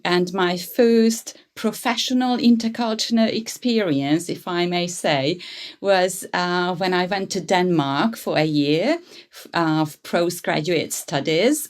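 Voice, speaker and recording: Hungarian woman guest, low-set voice, thoughtful and halting. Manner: thoughtful, with frequent ums and restarts. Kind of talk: conversational interview answers.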